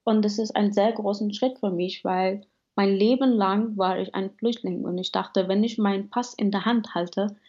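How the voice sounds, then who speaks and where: A woman's voice: medium pitch, fairly even intonation, moderate pace, few pauses, darkish tone, highs cut off. A woman from Afghanistan, a studio guest, speaking earnestly and reflectively in a radio interview.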